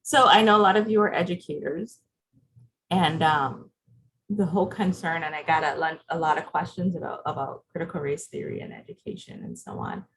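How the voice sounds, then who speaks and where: A woman's voice: sits low, fairly quick, poor audio. A woman from Barbados, giving a conversational presentation over a video call and putting questions to her audience. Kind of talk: interactive presentation.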